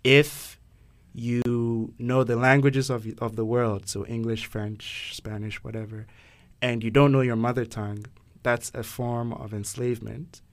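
Young man from Ghana hosting a podcast chat, mid-pitched, thinks out loud, stops and restarts a lot. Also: little pitch movement, a little slow. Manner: thoughtful, hesitant, many fillers and restarts. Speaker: podcast host. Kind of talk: casual podcast discussion.

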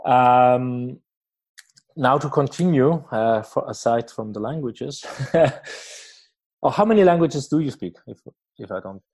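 Hosting a casual podcast interview, a man from Switzerland who doesn't speak English natively laughs frequently and uses many fillers and restarts. His voice is medium-pitched and darkish, with lively intonation but a slow pace.

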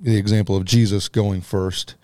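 A man with a lowish voice hosts a relaxed, joking conversation. He thinks aloud with a few fillers. The sound is dry and close. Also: normal speed, no echo. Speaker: podcast host. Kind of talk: casual chat.

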